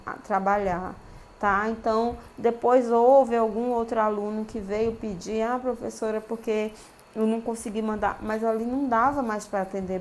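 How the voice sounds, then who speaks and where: A woman's voice: a little high, slight background noise. A woman with a Brazilian Portuguese accent, a university lecturer recording a video for her students. Her voice is worn by a cold, and she speaks in an encouraging way, often checking in with her listeners. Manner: encouraging, keeps checking in with "tá bom?".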